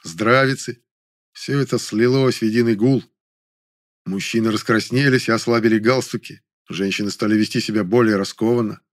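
Wry male audiobook narrator. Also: on the low side. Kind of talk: first-person novel narration.

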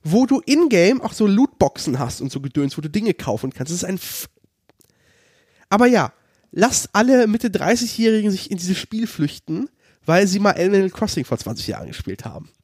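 A man's voice: high voice, very animated, moderate pace, darkish tone, breathy edge, no room sound, studio quality. A man co-hosting a podcast, talking casually in a sarcastic, ranting way. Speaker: podcast co-host.

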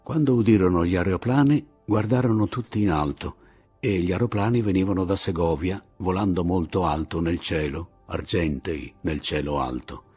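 A man reading a novel aloud in a measured, dramatic narration. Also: low-pitched, a little mellow, husky, faint music behind. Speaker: audiobook narrator. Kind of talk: literary audiobook reading.

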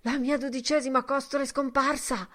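A woman's voice: high voice, level tone, a little fast, a bit bright, voice pushed up. A woman reading an audiobook voices a boisterous, mocking young male medical student with theatrical proclamations. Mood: exclaiming.

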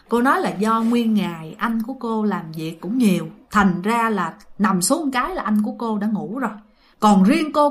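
A woman tells a ghost story in a chatty way, often speaking straight to her listeners. Her voice is high and bright, and it swings widely in pitch. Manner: chatty, addresses listeners directly.

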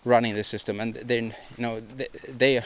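A man's voice: mid-range voice, level tone, moderate pace, a bit bright, slight background noise. Male podcast host, solo monologue; rambling, opinionated, frequent restarts and repeats. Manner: opinionated, ranting delivery.

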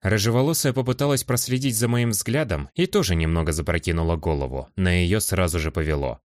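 A male audiobook narrator with a very deep voice, reading fantasy in a calm, measured first-person way. The sound is dry and close, with no room echo.

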